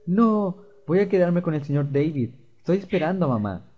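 A man's voice: on the high side, animated, moderate pace, breathy edge, pitched above the performer's own voice. A timid little boy who stammers and clings to the grown-ups around him, as a man voices him while reading a game aloud. The voice is raised a little above the man's own. It comes through a dull, lo-fi recording. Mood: stubborn. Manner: stammering, fearful. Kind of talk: voicing game dialogue aloud.

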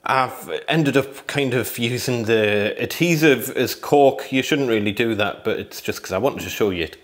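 A man's voice: mid-range voice, moderate pace. A man in his thirties, a handyman, chatting through a DIY tutorial and thinking aloud as he tidies a room under renovation. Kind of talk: DIY tutorial walk and talk.

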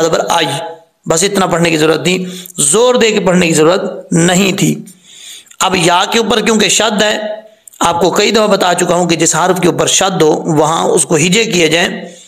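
A man's voice: high-pitched, fairly bright tone. A man teaching Quran reading with tajweed, spelling words out letter by letter and chanting the verses between explanations. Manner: spells out letters slowly, then recites them in a sung tone. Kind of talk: step-by-step tajweed lesson.

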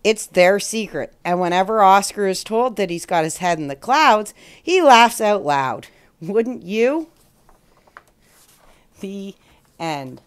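A woman hosting a children's story show, reading a picture book aloud in a slow, expressive way. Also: medium pitch, smooth. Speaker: storyteller host.

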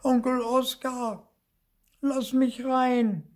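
A man voicing a small, whiny young boy ghost who pleads and wails in a high, slow voice. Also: steady tone, heavily acted. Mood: pleading. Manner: pleading, wailing.

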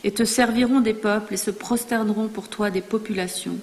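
Woman reading an aged father's blessing, solemn and unhurried, with long reverb. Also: mid-range voice, fairly even intonation, darkish tone, lightly acted. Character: old blind father giving a solemn blessing. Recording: long reverb in a large hall.

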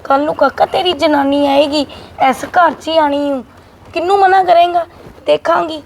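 A woman playing a feisty married elder sister, her voice pitched high and sharp as she scolds and defies her younger brother. She talks back hard, complaining and taunting in a family short-film scene. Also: fairly even intonation, moderate pace, creaky, slight background noise.

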